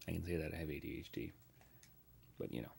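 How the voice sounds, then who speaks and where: A man's voice: rumbling low, fast, vocal fry, a little mellow, a little hiss or hum. A man in his thirties giving casual commentary while playing a retro game, chatty and self-deprecating, often talking to the characters on screen. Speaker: gaming streamer. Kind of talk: casual let's-play commentary. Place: home desk setup. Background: game music.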